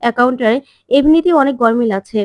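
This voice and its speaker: A woman's voice: on the high side, fast talker, no room sound, natural voice. A woman voicing a worried older father who fears for his daughter, in a TV serial retelling.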